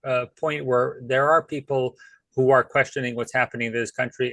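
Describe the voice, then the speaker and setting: A man speaking as a panel guest, thoughtful and measured, with many pauses and fillers. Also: mid-range voice, bright, forceful tone, dry recording, poor audio. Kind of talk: casual panel discussion.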